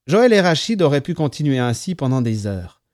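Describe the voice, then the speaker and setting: Lively-pitched man narrating a story. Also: a little fast, no room sound, clean studio sound. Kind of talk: audiobook narration.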